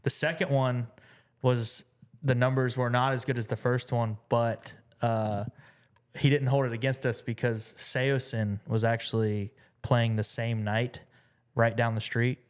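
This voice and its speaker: A man chats as a guest on a relaxed podcast, his voice smooth and clear at an average pitch. He rambles through his answers with plenty of fillers and restarts. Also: measured pace. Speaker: musician guest. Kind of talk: casual interview chat.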